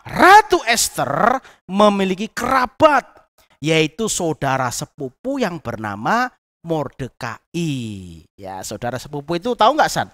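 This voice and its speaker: A woman teaching Sunday school, telling a Bible story to children and asking them questions. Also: low-pitched. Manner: animated, asks the listener questions.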